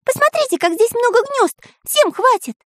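A woman voicing an excitable young male pencil character in a children's audiobook, with shrill, eager exclamations. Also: moderate pace, dry recording, studio quality. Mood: excited.

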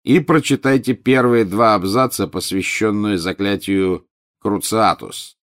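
A man voicing a cold, contemptuous male teacher who talks in a slow drawl. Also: fairly low pitch. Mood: sneering.

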